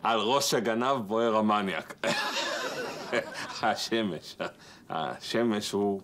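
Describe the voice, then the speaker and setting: An actor playing a smug sitcom schemer who talks slyly and chuckles. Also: male voice, fairly low pitch, a bit bright, natural voice.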